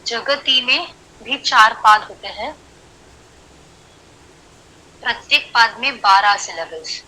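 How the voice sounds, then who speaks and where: A woman's voice: a little high, slow, sharp tone, poor audio. A woman teaching a Sanskrit class online, explaining patiently and counting syllables aloud as she switches between Hindi and English.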